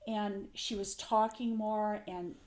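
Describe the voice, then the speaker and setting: A woman's voice: medium pitch, steady tone, takes it slowly, a little mellow, slight background noise. An older woman, a podcast guest, telling a personal story in an earnest, heartfelt way, in short phrases with retold dialogue. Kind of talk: personal storytelling in a casual interview.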